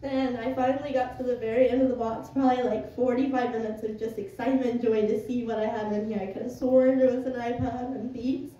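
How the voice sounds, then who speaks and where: High-voiced young woman giving a tender eulogy. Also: little pitch movement, warm tone. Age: young adult. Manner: tender, informal storytelling with halting pauses. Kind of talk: personal eulogy to mourners. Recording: echoey room, distant muffled mic, noisy.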